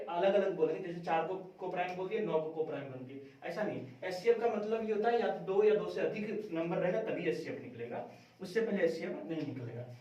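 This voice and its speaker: A man's voice: high voice, warm tone. A man teaching a math lesson in a classroom, often asking a question and then answering it himself. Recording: very echoey room, distant mic, dull sound.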